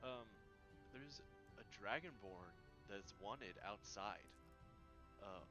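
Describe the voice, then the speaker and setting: A man's voice: lowish voice, expressive, slow, over music. A man playing a tabletop game, talking casually as a player.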